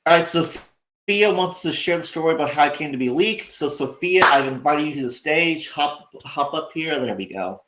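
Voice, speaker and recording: A slightly high-voiced man rants sarcastically on a livestream, cursing as he goes. He rambles, restarts his sentences and talks straight to his viewers. His voice rings around a roomy, echoing space. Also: animated, normal speed, a bit bright, a little hiss or hum. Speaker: livestream host. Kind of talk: casual livestream rant.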